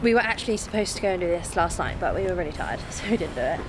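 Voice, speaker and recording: A woman's voice: on the low side, expressive, rapid-fire, reverberant, background noise. A young British woman from the UK, chatting enthusiastically through a travel vlog with lots of "like" fillers. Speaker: travel vlogger. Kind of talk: casual travel vlog chat.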